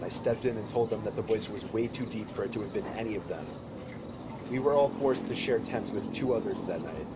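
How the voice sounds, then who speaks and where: A man reading a scripted horror story in an even, measured way. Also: medium pitch. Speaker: narrator. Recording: loud background noise. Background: loud noise.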